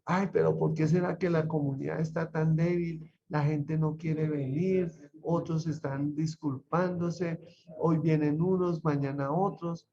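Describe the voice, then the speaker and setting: A man with a mellow, slightly high voice teaches an online Bible class. He talks conversationally and keeps checking in with his students through questions. The audio is muffled. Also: fairly even intonation, a little slow, vocal fry. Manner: conversational, asks the class frequent rhetorical questions.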